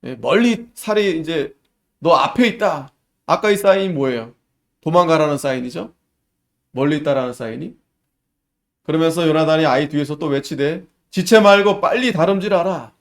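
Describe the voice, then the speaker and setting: Pastor guy doing a sunday sermon, bit high-pitched, reads old-style verses then chats through them. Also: moderate pace, creaky, long pauses. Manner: expounds scripture conversationally, often paraphrasing it in casual speech; reads Bible verses aloud in formal archaic diction.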